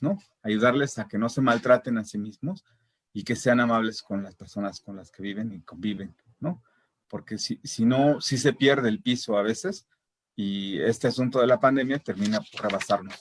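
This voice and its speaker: A man's voice: medium pitch, dry recording. A man speaking as a parent on a casual discussion panel, talking hesitantly with many fillers and tag questions as he works through numbered points. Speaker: parent guest.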